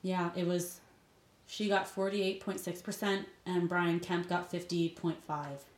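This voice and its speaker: A woman's voice: on the low side, flat delivery, unhurried, echoey room. Giggly young woman co-hosting a podcast. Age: young adult. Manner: giggly, playful. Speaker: podcast co-host. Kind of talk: casual chat.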